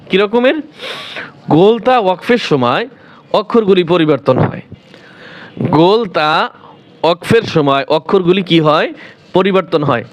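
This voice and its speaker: A man teaching the rules for reading the Quran, asking questions and answering them himself, and repeating each word slowly. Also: high-pitched. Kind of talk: explaining rules to viewers.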